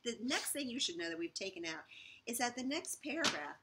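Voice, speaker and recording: A woman's voice: a little high, sing-song, a little fast, noisy background. A woman guest author telling amused stories about historical letters in a casual chat. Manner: storytelling, amused, chatty.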